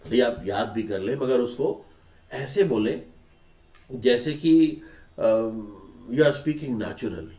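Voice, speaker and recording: A man with an Indian English accent teaching a speaking class. He switches between Hindi and English, slow and deliberate in English and rapid in Hindi. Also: mid-range voice, lively intonation, dark tone, reverberant.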